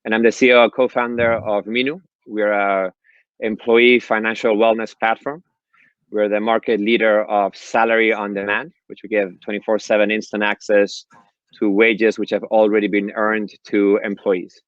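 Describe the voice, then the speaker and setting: Flat-voiced man with a Spanish accent. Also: on the low side, normal speed, no echo, lo-fi sound. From Spain. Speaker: startup CEO and panelist. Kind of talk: conference panel introduction.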